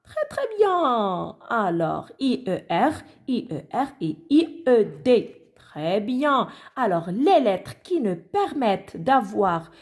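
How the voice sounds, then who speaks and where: A woman's voice: fairly high pitch, very animated, takes it slowly. A woman teaching a reading lesson to children, patiently asking questions and praising the answers.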